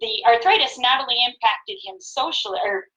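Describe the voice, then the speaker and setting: Bright, earnest woman fundraiser. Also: high voice, big pitch swings, fairly quick, highs cut off. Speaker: volunteer fundraiser, parent. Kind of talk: live stream chat.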